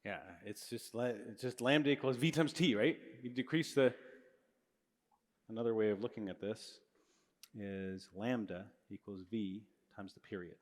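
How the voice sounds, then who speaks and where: In a large, reverberant hall, a middle-aged man lectures students on physics live through a handheld microphone. His voice is fairly low and moves at normal speed, and he explains casually while correcting himself as he goes.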